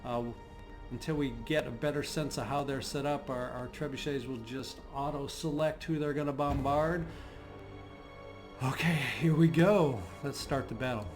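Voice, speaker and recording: This is a man hosting a gaming channel, narrating a strategy game without a script in a mid-range, steady voice at a moderate pace. It's slightly scratchy, and he muses aloud hesitantly, clearing his throat, with game music in the background.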